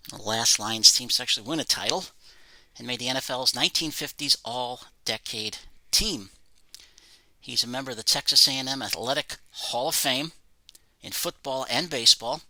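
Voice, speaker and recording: A man's voice: medium pitch, sharp tone, no echo, poor audio. A man presenting items from his autograph collection, reading facts about each in a plain, matter-of-fact way. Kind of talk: casual show-and-tell narration.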